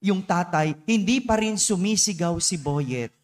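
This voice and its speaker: A man's voice: high-pitched, lively intonation, a little slow, darkish tone. A male priest giving a dawn-mass homily, telling a story and checking in with the congregation by asking them to agree. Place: church.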